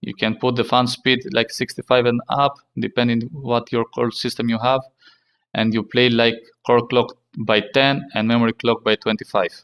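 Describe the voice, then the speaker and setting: A man hosting a casual tech tutorial in halting, non-native English, repeating himself and using fillers. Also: mid-range voice, level tone, a bit bright, clear, resonant tone. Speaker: tech channel host.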